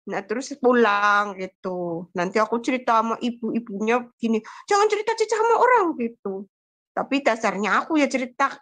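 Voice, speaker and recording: This is a woman telling her own story in a relaxed, chatty way, slipping into lively quoted voices. Her voice sits a bit higher than most women's. She is talking over a remote call. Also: moderate pace. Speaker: testimony giver. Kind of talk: conversational personal testimony.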